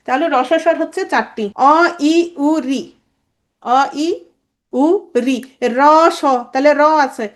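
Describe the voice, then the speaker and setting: A woman with a high voice teaches an exam-prep grammar lecture. She talks briskly and informally, with a teasing edge. She drills each sound by repeating it and fires questions she answers herself.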